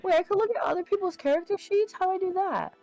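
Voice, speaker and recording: A woman playing a tabletop game, chatting casually in an expressive, sweary way. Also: very high voice, fast, no echo, soft background music. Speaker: player.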